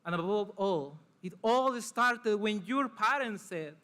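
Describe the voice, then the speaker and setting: Giving a formal prepared speech at commencement, a young student from El Salvador speaks in a high, animated, bright voice. Spanish is his first language, and his delivery is earnest and measured, built from short phrases separated by pauses.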